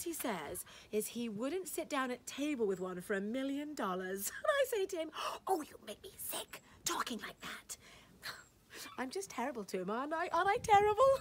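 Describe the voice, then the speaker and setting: During a dramatic short-story reading, a woman with a high voice plays a gushing, condescending society lady at a party, breathless and fluttery, punctuating her lines with giggles and gasps.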